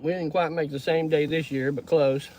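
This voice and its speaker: A man's voice: fairly high pitch, fairly even intonation, normal speed, a little mellow, a little hiss or hum. A Texan man hosting a casual livestream, chatting in a folksy way and greeting viewers by name. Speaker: livestream host. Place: pickup truck.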